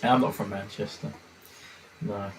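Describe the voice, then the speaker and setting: A man's voice: lowish voice, steady tone, measured pace, background noise. Rambling young man on a stream. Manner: rambling, hesitant, lots of fillers. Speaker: football watchalong streamer. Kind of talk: casual live-stream chat.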